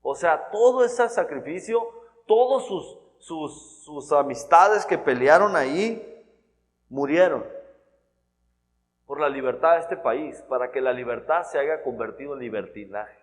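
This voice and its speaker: A man's voice: fairly high pitch, expressive, measured pace. A man preaching a sermon in an earnest, conversational way, often restarting and checking in with "¿verdad?". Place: church hall. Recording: long church-hall reverb.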